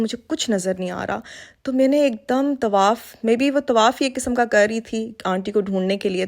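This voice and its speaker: A middle-aged woman talks to her viewers as a vlogger, telling a personal story. Her voice sits at an ordinary middle pitch. She sounds earnest and heartfelt, and she drops English words into her casual storytelling. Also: gravelly, darkish tone.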